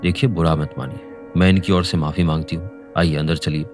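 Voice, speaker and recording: A man voicing a slim young woman in her twenties who scolds briskly and turns sweetly polite. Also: sits low, fairly even intonation, over music, natural voice.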